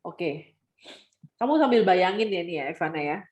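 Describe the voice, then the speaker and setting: A woman mentoring students online, explaining with lively acted-out examples. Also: on the low side, moderate pace, roomy sound. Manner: animated, acts out scenes with quoted voices.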